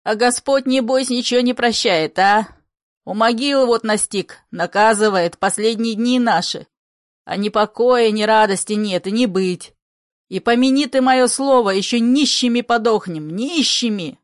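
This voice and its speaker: A woman reading an audiobook, voicing a gruff, bitter old grandfather who grumbles and bursts into shouts in a low voice. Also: expressive, measured pace, hardly any pauses, dry recording, studio quality, close to an everyday voice.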